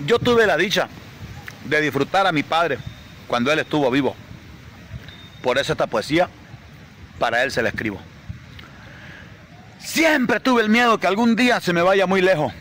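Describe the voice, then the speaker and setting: A man recites a rhymed poem in an emotional, declaiming manner. His voice sits fairly high and swings widely in pitch. Faint noise lies under the voice. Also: very animated, moderate pace, long pauses, sharp tone, poor audio.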